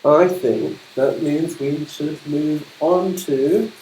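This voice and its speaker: A man with a polished London accent, not Cockney, narrates a gameplay livestream as an English teacher. His voice is mellow and warm. He speaks slowly and clearly for learners and keeps up an upbeat, encouraging patter. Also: on the high side, a little hiss or hum, poor audio. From London, England. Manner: upbeat, keeps saying fantastic. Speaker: English teacher streaming a game.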